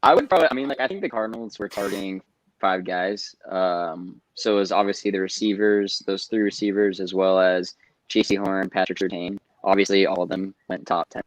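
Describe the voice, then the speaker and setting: Man, very low voice, dry sound, hesitant casual sports chat. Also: fairly quick, no echo, poor audio. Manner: hesitant, filler-heavy.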